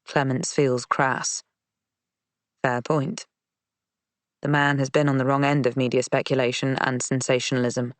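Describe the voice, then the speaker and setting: A man narrating a mystery audiobook in a measured, even reading. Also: medium pitch, no room sound. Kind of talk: scripted narration.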